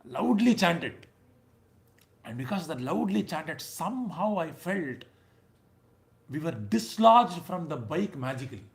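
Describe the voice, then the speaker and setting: A man's voice: on the high side, very animated, moderate pace, slight background noise. A man in his thirties with a South Indian accent, giving an informal, conversational sermon as a spiritual teacher, emphatic and checking in with his listeners. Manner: conversational, emphatic, often ending phrases with a checking "right?". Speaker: spiritual teacher leading a scripture class. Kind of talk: informal sermon with anecdotes and chanted verses.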